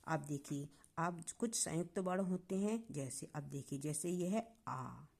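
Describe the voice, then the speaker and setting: A woman with a deep, gravelly, slightly mellow voice teaches a grammar lesson online. She explains patiently, sounds out syllables slowly, and asks the class questions.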